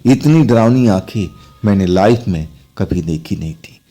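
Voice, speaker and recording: A man's voice: fairly low pitch, expressive, moderate pace, dark tone. A man telling a first-person horror story in a dramatic, suspenseful way. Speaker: narrator. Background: faint music.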